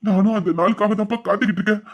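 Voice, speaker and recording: A man voicing a gentle, loving older father who soothes and reassures his son, with hesitant fillers. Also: high-pitched, fairly even intonation, very fast, dull audio, natural voice. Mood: soothing, fond. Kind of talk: audio drama acting.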